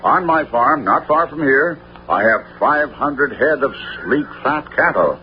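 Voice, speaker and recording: An actor playing a bold, cunning outlaw in a radio adventure, with a teasing, mock-courteous manner. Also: male voice, mid-range voice, lively intonation, unhurried, natural voice. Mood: sly, ingratiating. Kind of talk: theatrical radio adventure acting. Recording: dull, lo-fi radio recording with faint noise.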